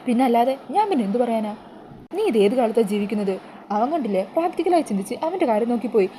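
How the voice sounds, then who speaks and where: A woman's voice: fairly high pitch, lively intonation, very fast, warm tone, a little hiss or hum, close to an everyday voice, rough recording. A woman voicing a scheming, blunt female friend who lectures and pushes. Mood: lecturing.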